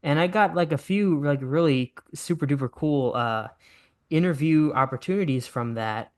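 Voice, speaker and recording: A man's voice: fairly high pitch, normal speed, darkish tone. A nineteen-year-old man, a podcast guest, talking in an easygoing, enthusiastic way full of fillers. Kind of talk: casual interview chat.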